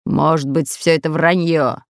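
A woman voicing a fat, red-bearded, bossy pirate captain in an audiobook, speaking in a gruff, commanding way. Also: deep voice, fairly even intonation, normal speed, dry recording, studio quality. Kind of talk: audiobook character voice.

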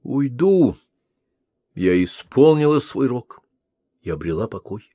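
A man voicing a gentle three-eyed spirit seer woman. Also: mid-range voice, slightly rough, dry recording. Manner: soothing, prophetic.

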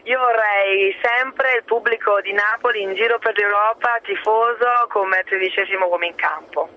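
A woman's voice: mid-range voice, normal speed, sharp tone, poor audio. A woman chatting casually as a football fan guest on a radio show. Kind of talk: casual conversational sports chat.

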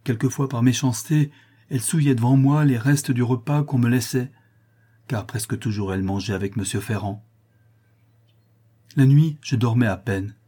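A man's voice: medium pitch, fairly even intonation, normal speed, long pauses, dark tone, husky, close to an everyday voice. A man voicing a frightened young woman who anxiously confides a painful secret in a storybook reading. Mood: fearful.

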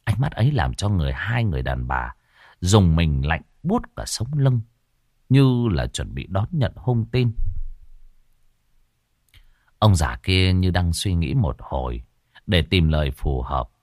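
A man narrating a horror audiobook in a dramatic, expressive storytelling manner. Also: low voice, unhurried, pauses often, no room sound, clean studio sound. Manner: expressive, rising and falling storytelling.

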